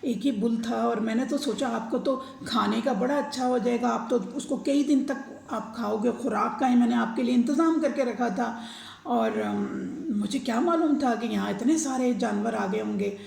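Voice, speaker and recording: A woman voicing a sly, scheming female fox who flatters the king in a children's storybook telling. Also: on the high side, creaky. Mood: flattering. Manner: wheedling, flattering. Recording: echoey room.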